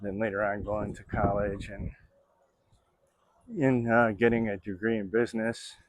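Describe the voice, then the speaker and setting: A sixty-something vlogger from Florida chats while cycling an outdoor trail, wandering from topic to topic with plenty of fillers. His voice is on the low side, level and a little slow, and the dry recording is of low quality.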